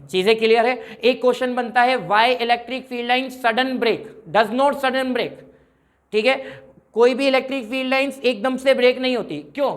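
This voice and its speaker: A male physics teacher giving a classroom lecture. He keeps asking his students questions and answering them himself, and fondly calls them his children. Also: very high voice. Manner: addresses students fondly as children, mixes English terms into his talk.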